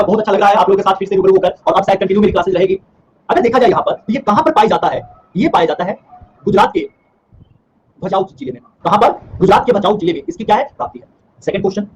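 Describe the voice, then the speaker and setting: Male teacher with a high voice, lecturing online at a rapid pace, repeats each answer for revision. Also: slight background noise, poor audio. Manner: quizzes by asking and answering his own questions; repeats key terms for revision. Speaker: history teacher.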